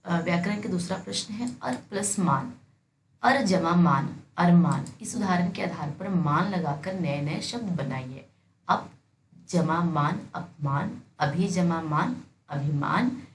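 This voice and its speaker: A woman's voice: fairly low pitch, slow. A woman teacher explaining a textbook lesson to students, patiently addressing them directly. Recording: echoey room with faint noise.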